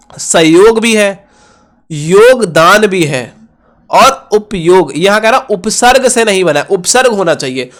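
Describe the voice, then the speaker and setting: A young man with a fairly high voice walks students through exam questions. He counts syllables out loud and reasons through the answers as he goes, often doubting himself. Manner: thinks aloud, second-guesses himself. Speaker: teacher. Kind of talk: exam-prep lesson, counting syllables aloud.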